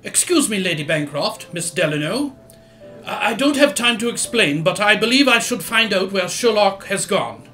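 A man playing an excitable, courteous Victorian gentleman doctor in an audio drama, proper and exclamatory. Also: high voice, moderate pace, soft background music. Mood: alarmed, urgent. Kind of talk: period audio drama acting.

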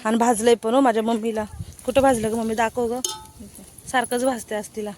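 A woman's voice: fairly high pitch, steady tone, fairly quick, darkish tone, slight background noise. A woman, chatting casually as she shows her family and rural home in a vlog. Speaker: vlogger. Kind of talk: casual village vlog narration.

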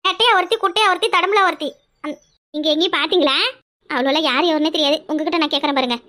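A woman voicing a loud, quarrelsome middle-aged village woman in a cartoon, with a scolding, rapid-fire way of talking. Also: high voice. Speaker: cartoon character. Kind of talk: cartoon voice acting.

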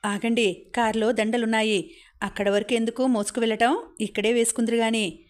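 A woman reading as a brisk, teasing girlfriend. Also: fairly high pitch, little pitch movement, close to an everyday voice. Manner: brisk and bossy.

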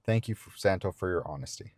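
A man's voice: deep voice, expressive, quick pace, a little mellow, breathy edge, no echo, clean studio sound. A young man, co-host, reading viewer comments aloud in casual chat from a parked car. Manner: reads comments plainly, with short replies. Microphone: lapel mic.

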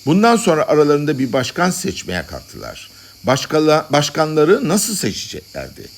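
A man narrates a satirical story for an audiobook. His reading is expressive and dramatic, his voice slightly high and swooping across a very wide range. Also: normal speed, slight background noise.

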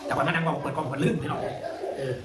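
A man's voice: fairly high pitch, fairly even intonation, racing, far from the mic. A man with an Isan Thai accent who hosts a channel, chatting casually and laughing as he reads viewer comments aloud. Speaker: channel host reading comments. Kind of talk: casual chat. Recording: echoey room with loud background noise.

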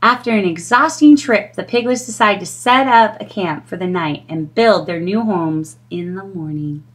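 In a mid-range voice and at a normal speed, a middle-aged woman reads aloud from a children's storybook with an expressive, storyteller's delivery.

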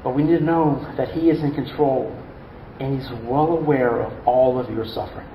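A man's voice: mid-range voice, steady tone, moderate pace, reverberant, dull audio, slight background noise. A male pastor preaching a sermon earnestly, often repeating words and asking rhetorical questions. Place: church.

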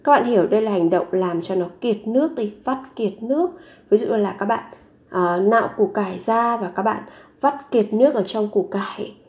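A woman teaching a vocabulary lesson, saying each word three times slowly before explaining it. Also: medium pitch, darkish tone. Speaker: language teacher.

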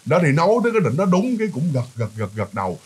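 A chatty man with a Southern Vietnamese accent tells a ghost story, talking to his listeners and looping back over words. His voice is slightly husky, on the high side, and swings lively as he rushes along. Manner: chatty, addresses listeners, many fillers and repeats. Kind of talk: casual ghost-story narration.

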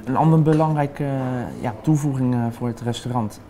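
Young guy interviewing, short prompting questions, warm mellow voice, faint noise around. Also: mid-range voice, fairly quick. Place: restaurant dining room with large windows.

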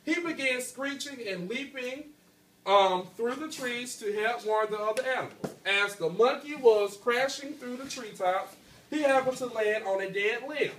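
A teacher in his thirties reads aloud in an extremely high, slightly bright voice, going a little slowly and stopping often to check his pupils understand, adding "okay" to his phrases. He asks the class questions during the read-aloud in their school classroom. Captured on a phone held across the room, the audio is far off, echoey and noisy.

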